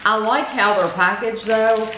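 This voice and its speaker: A man's voice: high-pitched, steady tone, measured pace. A man reviewing food in a casual taste-test chat. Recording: roomy echo with clear background noise.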